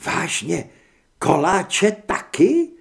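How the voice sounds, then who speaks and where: A man voicing a feisty young woman with a sweet tooth in an audiobook, talking with outspoken excitement. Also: sits high, gravelly, voice pushed up, heavily acted. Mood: eager. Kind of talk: audiobook character reading.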